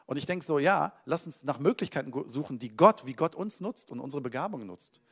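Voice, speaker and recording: A man preaching a sermon as a pastor, speaking with energy and swinging between loud emphasis and quiet asides. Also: on the high side, expressive, fairly quick, creaky, husky.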